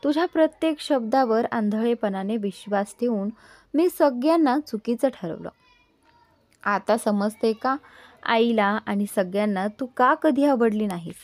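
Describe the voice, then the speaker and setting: Woman doing a bitter young lover, cutting, sarcastic, fairly high voice. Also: lively intonation, unhurried, dry recording. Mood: furious. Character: jealous young man, bitter and furious lover.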